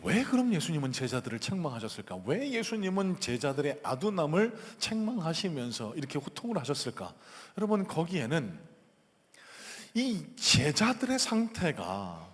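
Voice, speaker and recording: Casting note: male pastor, high and very expressive voice, sermon in a church with long hall reverb. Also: moderate pace. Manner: animated, acts out the disciples' banter in casual voices. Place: church sanctuary.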